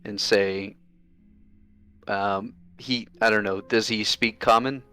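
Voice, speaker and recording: A man playing a tabletop game who talks in a calm, matter-of-fact way. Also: lowish voice, slow, clean tone. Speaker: player. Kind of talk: casual tabletop game talk.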